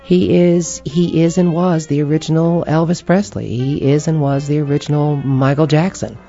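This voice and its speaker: An older woman talking casually as an interview guest, animated and quick to laugh, acting out voices as she tells her stories. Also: low voice, dull audio, faint music behind. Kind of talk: casual chat.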